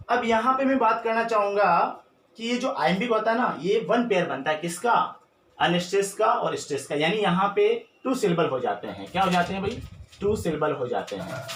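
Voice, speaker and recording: A man teaching an exam-prep lesson, who keeps repeating key terms and asking rhetorical questions. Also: high voice. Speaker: English teacher. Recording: echoey room with faint noise.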